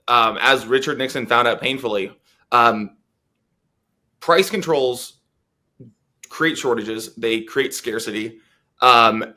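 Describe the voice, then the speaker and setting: A man's voice: medium pitch, sharp tone. A man as a policy analyst guest in a political interview, talking earnestly with many fillers and restarts.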